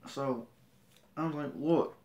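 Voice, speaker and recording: A man's voice: fairly high pitch, slow pace, a little mellow, lo-fi sound. A teenage guy on a livestream, telling a story in a rambling, indignant way with many restarts. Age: teens. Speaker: vlogger.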